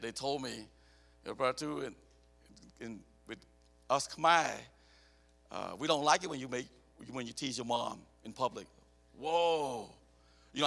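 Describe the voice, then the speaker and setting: A man born in Cambodia and raised in America, preaching as a missionary, animated and prone to repeating himself as he tells personal stories. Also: mid-range voice, vocal fry. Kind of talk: sermon. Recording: echoey hall reverb.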